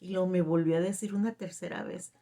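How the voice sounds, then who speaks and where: A middle-aged woman telling a personal faith testimony, halting and emotional, with many fillers. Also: fairly low pitch, fairly even intonation, dark tone. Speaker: testimony giver.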